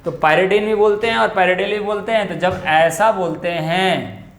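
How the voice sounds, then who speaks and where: Male chemistry tutor, high voice, echoey classroom, quizzes himself as he explains. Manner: questions and answers himself, drawn-out key terms. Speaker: chemistry teacher. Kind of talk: classroom lecture on coordination compounds.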